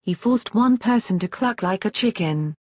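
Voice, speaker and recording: A woman's voice: medium pitch, expressive, normal speed, a little mellow, dry recording, natural voice. A synthetic female voice playing a wary, curious woman who asks earnest questions. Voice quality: synthetic, stilted.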